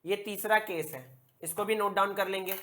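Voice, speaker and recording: A male physics teacher giving a classroom lecture, posing questions and answering them himself, repeating key words slowly. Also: high-pitched, fairly even intonation, fairly bright tone.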